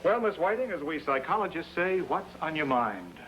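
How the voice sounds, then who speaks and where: A man's voice: a little high, big pitch swings, normal speed. An actor playing a jovial, absent-minded psychology professor who chuckles as he talks, in 1950s sitcom style. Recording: noisy old TV soundtrack, loud audience laughter.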